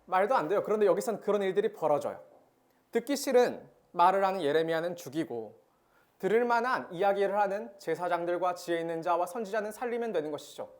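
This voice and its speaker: A young man delivers a sermon to a youth congregation in an easy, talking manner. He keeps asking the listeners rhetorical questions. When he reads scripture, his pace turns steady and measured. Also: high-pitched. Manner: conversational preaching with frequent rhetorical questions. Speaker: pastor.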